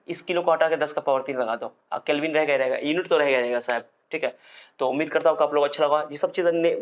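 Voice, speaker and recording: Man, physics lecture, emphatic, repetitive, slightly high voice. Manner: repetitive, emphatic, drills students to repeat after him. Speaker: physics teacher. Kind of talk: classroom lecture at a board.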